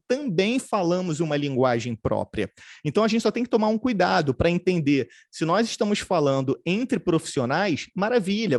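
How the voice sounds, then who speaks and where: Man, customer service trainer, fairly high voice, dry close sound, explanatory, tag questions. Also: a little mellow, no echo. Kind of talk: remote training lecture.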